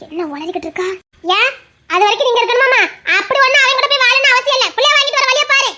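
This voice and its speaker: A woman putting on a super high-pitched nagging village mom, tirunelveli accent, scolds nonstop. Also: very fast, sharp tone, a little hiss or hum, exaggerated voice. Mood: scolding. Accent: Tirunelveli Tamil. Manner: scolding, mocking. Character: scolding rural mother, sharp-tongued older woman.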